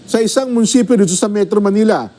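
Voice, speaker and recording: A man co-hosting a news program, chiming in with quick reactions and remarks in casual commentary. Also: high voice, warm tone. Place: TV news studio.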